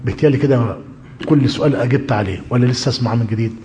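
A man's voice: mid-range voice, racing, dark tone, in a large hall, slight background noise. A man with an Egyptian accent teaching a religious lesson, switching between formal classical phrasing and colloquial talk and checking in with his listeners. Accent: Egyptian Arabic.

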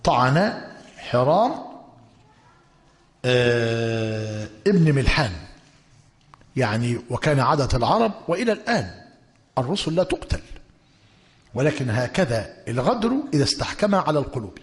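A man's voice: medium pitch, very animated, moderate pace, long pauses. A man teaching a religious history lesson, dictating points to students and breaking into emphatic exclamations. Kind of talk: lecturing on prophetic history. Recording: long hall reverb.

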